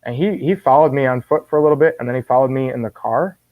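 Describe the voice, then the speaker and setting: A man guest telling a personal faith story in an animated way, often restarting and repeating words. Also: mid-range voice, fast, dry recording. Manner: animated, acts out his own quoted words. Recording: dull dry lo-fi sound.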